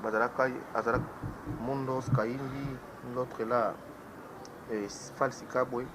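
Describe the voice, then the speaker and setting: A man speaks as a guest on a political talk show, in an animated commentary voice. His pitch sits in the middle range. A clear noisy hiss runs under the voice. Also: takes it slowly. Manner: animated, mixes French and Lingala.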